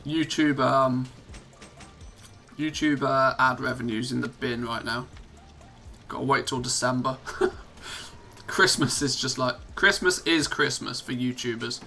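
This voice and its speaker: An English man chats casually through a live gameplay stream from home. His voice is bright and a little forceful, sitting in the middle of the male range. He rambles in a friendly way, often mocks himself and laughs easily. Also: medium pitch, unhurried, pauses often. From England. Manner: chatty, self-mocking, laughs often.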